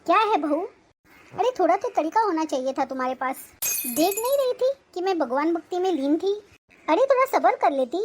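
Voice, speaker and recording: A woman voicing a stern, proud middle-aged mother-in-law in a cartoon, with a scolding, sharp-tongued way of talking. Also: very high voice, sing-song, fairly quick, slight background noise.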